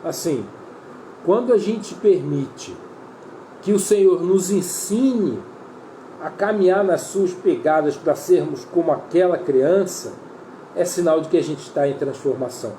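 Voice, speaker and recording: Brazilian guy preaching, high voice but mellow, keeps saying brother, roomy echo. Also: a little slow, a little hiss or hum. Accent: Brazilian Portuguese. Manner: earnest, repetitive, often addresses listeners as brother. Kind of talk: sermon. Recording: roomy echo with faint ambience.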